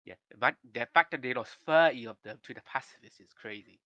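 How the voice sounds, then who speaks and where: A man co-hosting a casual podcast, retelling a story in a rambling, animated way full of slang. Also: medium pitch, fast talker, no echo, lo-fi sound. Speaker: podcast co-host. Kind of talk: casual chat.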